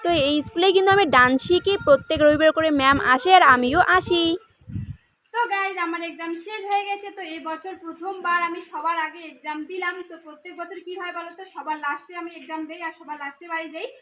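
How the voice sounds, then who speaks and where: A woman's voice: very high voice, fast talker, fairly bright tone, slight background noise. A young adult woman, chatting casually to viewers in her vlog. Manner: chatty, addresses viewers directly. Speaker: vlogger. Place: outdoors in rain, then dance class.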